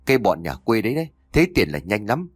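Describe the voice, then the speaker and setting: A man voicing a spiteful, scornful middle-aged mother-in-law, nagging venomously and fast in a storybook reading. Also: on the low side, very animated, no room sound, clean studio sound, faint music behind.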